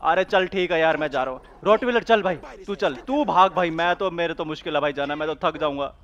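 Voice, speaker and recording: Young man, gameplay commentary, excitable, shouty bursts, playful swearing, high-pitched. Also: a little fast, highs cut off. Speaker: gaming channel host. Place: home room with a cooler running.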